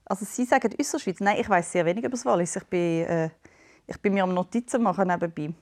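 A woman's voice: lowish voice, darkish tone. Teasing woman. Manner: teasing, quick mock-indignant comebacks. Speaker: podcast co-host. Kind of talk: casual banter.

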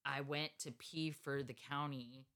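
Podcast co-host, woman, 30s; low pitch, crisp bright tone, profane and sarcastic. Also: fairly even intonation, unhurried. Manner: blunt, profane, sarcastic storytelling. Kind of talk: casual podcast chat.

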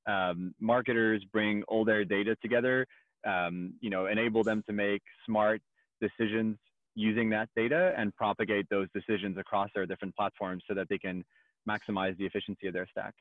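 A man with a light French accent, a startup co-founder giving a measured, explanatory podcast interview. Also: lowish voice, level tone, no room sound. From France. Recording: tinny phone-like remote line.

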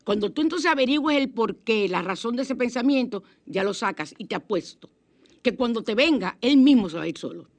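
Chatty, animated woman radio host. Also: on the high side, fairly quick. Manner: animated, chatty, expressive with sudden exclamations. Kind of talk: spiritual self-help radio talk. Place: radio studio.

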